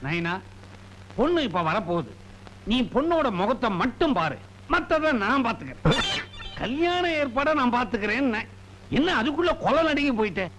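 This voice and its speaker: A man's voice: very high-pitched, sing-song, normal speed, background noise. An actor playing a meddling, fussy comic father who lectures in a mock-solemn way in a film comedy scene.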